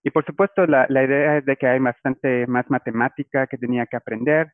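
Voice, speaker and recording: A man's voice: medium pitch, steady tone, brisk, dry recording. A man from Guatemala, a guest explaining his career in a casual interview. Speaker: guest, data scientist. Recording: tinny phone-like line, dry.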